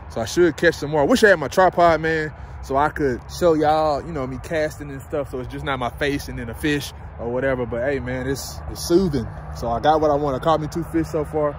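A man, chatting casually in a vlog, relaxed and rambling, cussing freely. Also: on the high side. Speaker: vlogger. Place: in a parked car, then outdoors by a lake. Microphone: phone held at arm's length. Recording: noisy outdoor phone recording.

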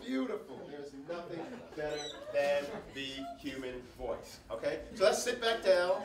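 A man leading a workshop, coaching a group through breathing and voice warm-ups with short encouraging prompts, often checking in with "right?". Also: fairly high pitch, expressive, unhurried, faint music behind, a faint crowd. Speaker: workshop leader. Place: large room with an audience. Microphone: handheld mic, off-mic at times. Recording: echoey room, distant mic, audible noise.

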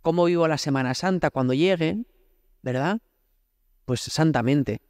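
Priest leading a conversational prayer homily. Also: male voice, on the high side, unhurried, darkish tone, no room sound, clean studio sound. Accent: Spanish from Spain. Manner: conversational, frequent rhetorical questions, addresses the Lord directly.

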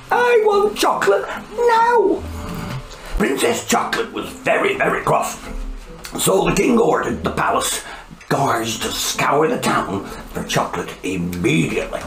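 A woman reading a children's storybook aloud in an animated, sing-song way. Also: deep voice, roomy sound.

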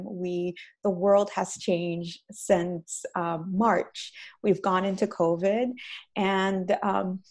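A woman hosting and moderating an online panel discussion over a video call, speaking haltingly with frequent ums. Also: fairly low pitch. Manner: warm, halting with many ums. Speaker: guest host and moderator. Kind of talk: webinar panel introduction.

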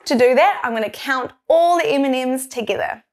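A young woman with a highish voice gives a maths lesson for small children. She is teaching a child to count, guiding step by step and encouraging as a primary teacher would. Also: a little fast. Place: small furnished room indoors.

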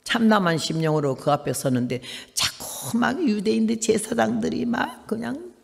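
An older woman preaches a sermon with a gravelly, fry-edged voice. She tells stories and swings between hushed and loud delivery. The sound rings out with a long hall reverb. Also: medium pitch, expressive, moderate pace. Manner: storytelling, dramatic swings between soft and loud. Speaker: missionary preacher.

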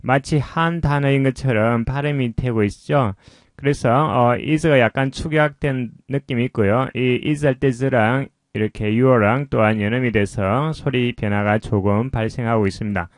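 A man teaching English pronunciation, explaining slowly and patiently in a lesson voice-over. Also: medium pitch, no echo, studio quality.

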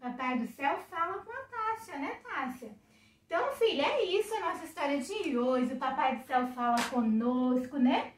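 Brazilian mom doing a bible lesson for her little girl, excited and singsongy, echoey room, mic kinda far off. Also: high-pitched, normal speed, a little hiss or hum. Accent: Brazilian Portuguese. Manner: exclamatory, coaxing and sing-song toward a small child. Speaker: mother teaching a Sunday school lesson.

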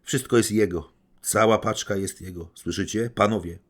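A man's voice: deep voice, a little slow, voice pushed up. A man reading an audiobook, voicing an imperious, defiant young society woman in a raised, commanding tone.

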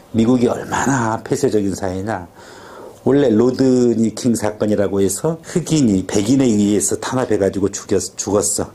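Mellow-voiced male teacher drilling vocabulary. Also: fairly low pitch. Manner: quizzes the class and drills pronunciation; talkative, drifts into stories. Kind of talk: classroom vocabulary lecture.

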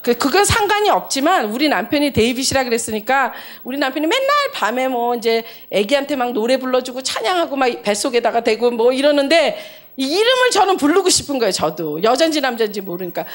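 A middle-aged woman shares a testimony from the pulpit, her voice sitting a touch high and swinging widely as she tells the story. She slips into the voices of the people in it and talks with an easy, animated warmth. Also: a little fast, few pauses. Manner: animated storyteller, acts out dialogue with big pitch jumps and laughter. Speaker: missionary giving a testimony.

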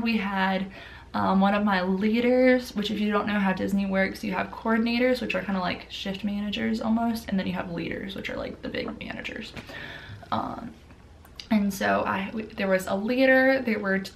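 A young woman chats through her stories to camera, circling back with plenty of "um"s and restarts. Her voice has a gravelly fry to it, over a faint hiss in the background. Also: mid-range voice. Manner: chatty with many fillers and restarts. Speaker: vlogger. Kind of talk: casual storytelling vlog.

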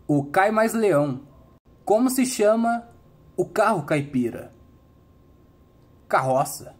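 Husky Brazilian man telling dad jokes. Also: high voice, animated, takes it slowly. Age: young adult. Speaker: comedy channel host. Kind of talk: telling dad jokes, riddle setup and punchline.

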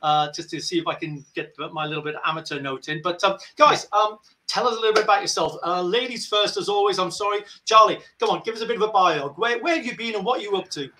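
A man's voice: sits high, quick pace, hardly any pauses, bright, forceful tone, slight background noise. A man hosting a casual show over a video call, jovial and chatty with lots of fillers. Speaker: show host. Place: home room with guitars. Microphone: video call webcam.

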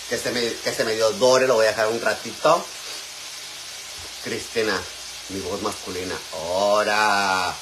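Mexican guy cooking live, cussing and shouting out viewers, lowish voice, faint sizzle behind. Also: normal speed, long pauses, noisy background. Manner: slangy and crude, greets viewers by name. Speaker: live-stream cook. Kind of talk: casual live-stream chat.

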